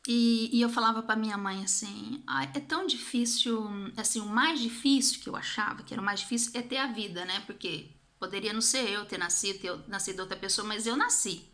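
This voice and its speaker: A woman's voice: mid-range voice, fairly quick, hardly any pauses, fairly bright tone. A woman with a Brazilian Portuguese accent giving a casual motivational talk, reflective and often repeating and restarting her phrases. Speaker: vlogger.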